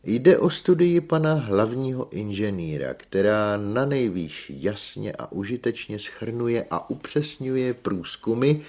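A man reading aloud and voicing a pompous young male engineer who lectures slowly and emphatically, rolling his R's. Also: lowish voice, very animated, a little mellow, pitched above the performer's own voice. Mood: lecturing. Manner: slow, emphatic lecturing with rolled R.

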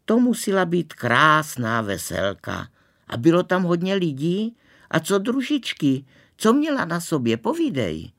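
An eager little schoolgirl, as a man reading the story puts her on, raised high above his own voice and full of breathless, wide-eyed questions. Her pitch leaps and dips all over in lively storybook reading, with a gravelly edge showing through.

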